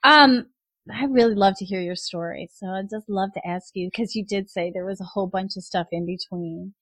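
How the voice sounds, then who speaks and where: Woman, podcast host, mid-pitched voice, upbeat, eager questions. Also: fairly quick, a bit bright, no room sound. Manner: upbeat and eager, laughs often. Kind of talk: interview hosting.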